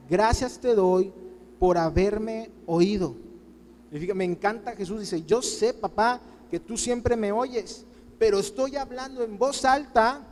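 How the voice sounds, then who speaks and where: A high-pitched man delivers a fervent sermon, slipping into the voices of the people he describes as he pleads with them. His voice rings out with a long hall reverb around it, as from a church. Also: a little mellow, slight background noise. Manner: impassioned preaching, voicing people's pleas in quotes. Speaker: pastor.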